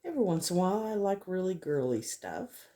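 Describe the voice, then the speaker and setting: A woman's voice: lowish voice, very animated, fairly quick, warm tone. A woman chatting casually to viewers as she works on a craft, thinking aloud as she goes. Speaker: craft vlogger hosting a resin tutorial. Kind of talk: casual chat while working.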